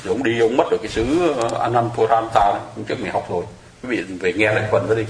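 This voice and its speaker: Fast-talking male teacher. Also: on the low side, slight background noise. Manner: chatty, explanatory, with small laughs. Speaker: Buddhist dharma teacher. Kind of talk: sutra lecture to a congregation. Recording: echoey room.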